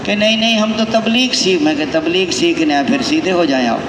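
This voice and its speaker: A fairly high-voiced man with a Pakistani accent delivers a Tablighi sermon full of anecdotes, speaking a little fast and exhorting in a conversational style with rhetorical questions and repeated key phrases. Clear background noise sits beneath long hall reverb.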